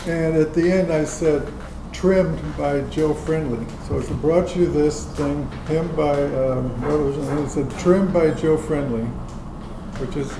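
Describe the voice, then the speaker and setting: Rambling, chuckling man with a gravelly voice. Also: a little high, steady tone, unhurried. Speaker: public-access show producer. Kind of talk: casual chat at a dinner meeting. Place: dinner gathering indoors. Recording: echoey room, background noise.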